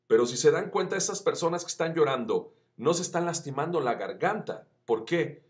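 A man teaching voice acting, chatty and encouraging, who demonstrates shouts that climb up the pitch scale. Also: expressive, fairly quick. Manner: addresses viewers as friends, chatty and encouraging. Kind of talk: tutorial.

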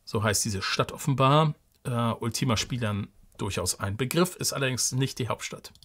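Ein Mann, der locker und laut denkend ein Spiel im Livestream kommentiert, mit vielen Ähs. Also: male voice, mid-range voice, normal speed, a bit bright. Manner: chatty, hesitant fillers, thinking aloud. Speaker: let's player, livestream host. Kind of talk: casual live gameplay commentary.

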